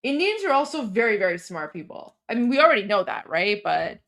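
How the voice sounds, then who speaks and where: Hosting a livestream, a woman with a Canadian accent rambles in casual, animated chat packed with fillers. Her voice sits at medium pitch and moves a little fast.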